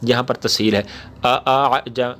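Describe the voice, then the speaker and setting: A man teaching a Quran reading lesson, patiently explaining rules, often checking with his listeners and slowing down to spell out words syllable by syllable. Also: mid-range voice, steady tone, bright, forceful tone, slight background noise. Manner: patient, repeats points and checks with "ٹھیک ہے؟".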